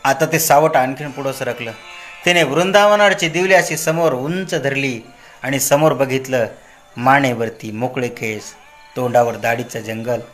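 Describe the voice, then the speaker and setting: A man narrating a devotional story in a dramatic way, moving between soft and raised delivery. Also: medium pitch, a little slow, soft background music.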